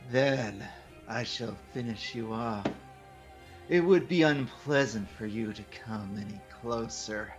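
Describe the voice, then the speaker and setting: A man's voice: takes it slowly, music in the background, lightly acted. Haughty demigod king , a man voicing him. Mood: cold. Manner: haughty, mocking, trying to sound deep. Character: arrogant scornful male demigod king. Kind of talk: fan reading of a visual novel.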